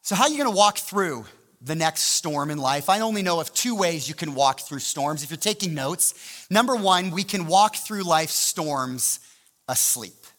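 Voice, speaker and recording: Animated, bright-voiced male preacher. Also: fairly high pitch, normal speed. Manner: animated storytelling with rhetorical questions. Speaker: pastor. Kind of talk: sermon. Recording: long hall reverb.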